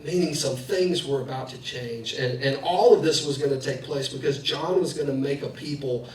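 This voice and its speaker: A pastor in his thirties, with a medium-pitched voice at normal speed, gives a conversational sermon full of personal family stories. He preaches in the round in a church sanctuary, and the recording has an echoey hall sound, a distant mic, and faint noise.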